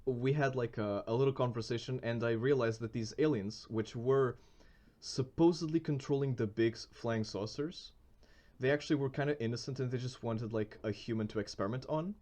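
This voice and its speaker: A man's voice: mid-range voice, fairly quick, darkish tone. A man co-hosting a podcast, telling a long story in casual chat, full of fillers, restarts and bursts of laughter. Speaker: podcast co-host.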